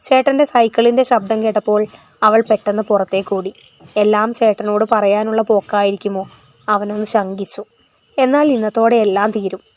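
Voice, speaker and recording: A woman narrating a story in a steady, expressive reading. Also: mid-range voice, fairly quick, lo-fi sound.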